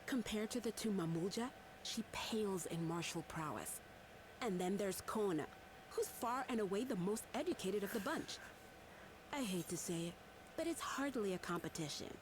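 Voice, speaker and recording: A woman voices a gossiping townswoman in a game cutscene. She is snide and dismissive, with a swinging, animated melody at middle pitch and faint ambience around her. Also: normal speed, a little hiss or hum, natural voice, low-quality recording. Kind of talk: video game cutscene acting.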